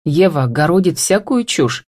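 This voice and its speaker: A woman voicing a bossy, excitable young woman who gives orders and exclaims. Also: low voice, unhurried, no echo, studio quality, full character voice. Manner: commanding, exclaiming.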